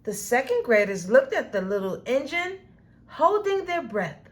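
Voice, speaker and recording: A woman with a high-pitched voice reads a children's story aloud. She goes slowly and deliberately, her intonation rising and falling in a very animated, expressive way.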